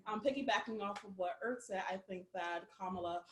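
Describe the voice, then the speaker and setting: A woman in her twenties co-hosting a casual podcast chat, composed and steady. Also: mid-range voice, a little fast. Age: 20s. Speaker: podcast co-host. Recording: echoey room.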